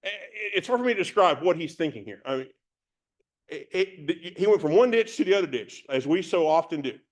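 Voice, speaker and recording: A man's voice: a little high, lively intonation, brisk. A man teaching a Bible passage verse by verse, reading it from several translations and musing on it in a conversational way.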